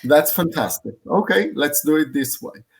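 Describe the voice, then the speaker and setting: A man's voice: fairly high pitch, animated, moderate pace, creaky, slightly rough, low-quality recording. A man giving an online conference presentation over a video call, hesitant, with many fillers and restarts.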